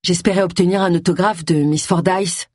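A woman voicing an eager young male detective, earnest and flattering, with a husky voice. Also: lowish voice, moderate pace, no room sound, clean studio sound.

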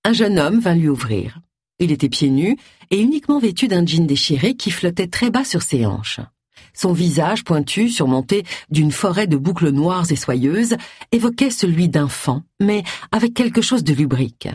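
A woman narrating an audiobook in a steady, measured way, with a husky voice. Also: fairly low pitch, dry recording, studio quality.

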